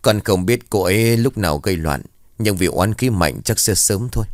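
A man's voice: fairly low pitch, animated, moderate pace, no room sound, clean studio sound, lightly acted. A man voicing a young ritual master who earnestly consoles a grieving family.

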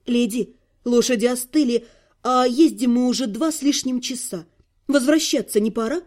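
A guarded young servant lad, cautious and frank, talking plainly in a raised, boyish register, as a man reading a storybook puts him on. His voice stays soft and mellow. He speaks clearly and without fuss. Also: very high voice, moderate pace, pitched above the performer's own voice. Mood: firm. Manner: guarded, matter-of-fact, clear-spoken.

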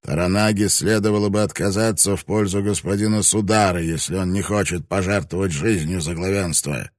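A male reader voicing a furious, bullying samurai lord who barks and shouts his lines in an audiobook. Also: sits low, steady tone, a little fast, no echo, clean studio sound, natural voice. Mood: scheming, harsh. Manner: barking, bullying, explosive shouting. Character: furious proud samurai lord, middle-aged man. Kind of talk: audiobook character reading.

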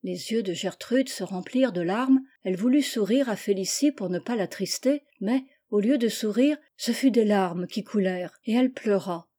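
Woman reading a kids' novel out loud, warm mellow voice, higher for the kids' bits, lower for the names. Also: moderate pace, hardly any pauses. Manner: lifts her voice for children's lines, drops it for names and narration. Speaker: reader. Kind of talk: reading a children's novel aloud, voicing dialogue.

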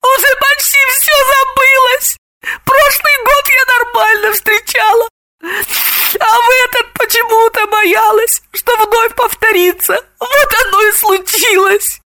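A woman's voice: very high voice, fairly even intonation, a little slow, pauses often, sharp tone, dry recording, pitched above the performer's own voice, heavily acted. A woman voicing a hysterical young woman who cries and shrieks in frantic outbursts. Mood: sobbing. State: crying.

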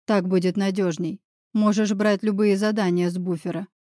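A woman voicing a calm middle-aged man who speaks in a measured way and often sighs. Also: mid-range voice, no echo, studio quality, lightly acted. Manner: sighing, measured.

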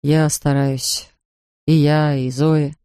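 A narrator voicing a grieving father who talks softly, slowly and tenderly to his daughter. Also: level tone, clean tone, no room sound, clean studio sound, lightly acted. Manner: soft, low and slow, pleading. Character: grieving gentle father, a big man. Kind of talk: audiobook character voice.

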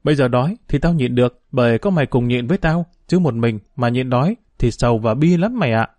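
A man voicing a streetwise, quick-tongued street boy in an audiobook, with teasing, lively banter. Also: mid-range voice, no echo, natural voice.

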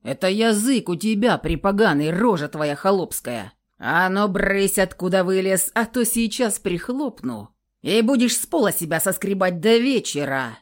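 A woman's voice: medium pitch, big pitch swings, moderate pace, close to an everyday voice. A woman voicing a small, shaggy male house spirit servant who scolds in old-fashioned words, drawn out and wailing, in a storybook reading. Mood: scolding.

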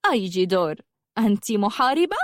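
A woman voicing a vain, mocking witch in a storybook reading, with a scornful, teasing manner and a higher voice than her narration. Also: big pitch swings, moderate pace, a little mellow, dry recording, clean studio sound. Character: mocking, vain female witch, cruel and playful.

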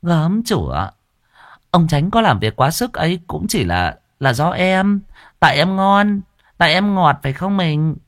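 A man voicing a sharp-tongued, scheming third wife with a shrill, catty manner. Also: a little fast, no echo, clean studio sound, natural voice.

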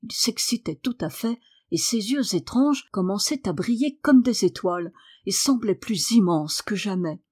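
A woman narrating a novel in a calm, measured audiobook reading. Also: medium pitch, breathy edge, no room sound, clean studio sound.

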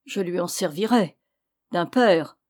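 A woman reading the lines of a greedy, fawning male cousin in an audiobook, effusive and flattering. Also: fairly low pitch, slow.

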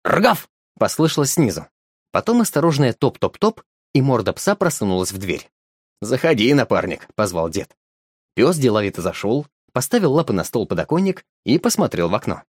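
A man narrating a storybook in a lively, expressive reading. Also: mid-range voice, a little fast, no echo, clean studio sound.

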